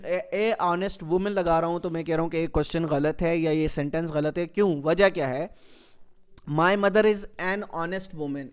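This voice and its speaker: Male teacher, high and smooth; recorded exam-prep lecture, patient and repetitive explainer. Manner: explains slowly, repeats rules, asks and answers his own questions; reads English example sentences slowly and carefully. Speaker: English teacher for exam candidates.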